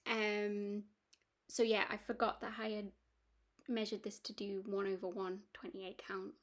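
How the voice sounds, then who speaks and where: Speaking a little slowly in a flat, medium-pitched voice, a woman has the hiccups as she casually chats about her cross-stitch work. Her talk rambles, full of ums and restarts.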